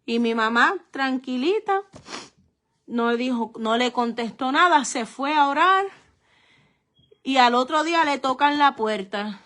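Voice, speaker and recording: A woman pastor preaching a testimony sermon, earnestly addressing her listeners as brothers and often dropping to a soft, slow delivery. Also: high-pitched, expressive.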